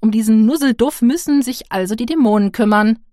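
A woman voicing a fussy, indignant older female official in an audiobook, speaking in animated, scolding bursts. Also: fairly high pitch, a little fast, dry recording, clean studio sound, voice pushed up, lightly acted. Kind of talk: audiobook character voice.

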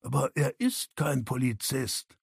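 A man's voice: mid-range voice, unhurried, gravelly, husky, no echo, studio quality, full character voice. A man voicing a worried older father in an audiobook, pleading and defensive.

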